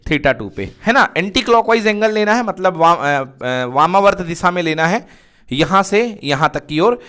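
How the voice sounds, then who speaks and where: High-voiced man drilling physics terms. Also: expressive, moderate pace, a bit bright, clear, resonant tone. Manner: call-and-response, asks and answers his own questions; colloquial and repetitive, drilling key terms. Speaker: physics teacher. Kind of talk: fast revision lecture.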